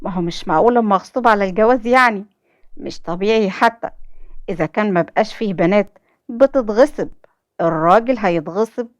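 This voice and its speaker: A woman's voice: mid-range voice, fast, dry recording, lo-fi sound. A young woman with an Egyptian accent narrating a dramatic first-person story in an emotional, heartfelt way. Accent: Egyptian Arabic.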